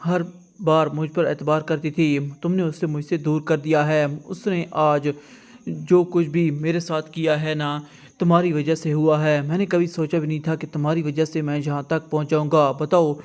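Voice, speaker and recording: A man voicing a young husband in a retold drama, speaking in his own flat, even voice. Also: on the high side, lightly acted. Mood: angry. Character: young husband, remorseful and angry.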